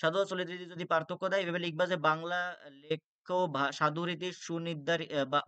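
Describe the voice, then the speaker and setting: A man's voice: on the high side, fairly bright tone, clear, resonant tone, no echo. A young man tutoring for an exam, reading rules aloud with many "ah" fillers and restarts. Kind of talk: exam-prep lecture.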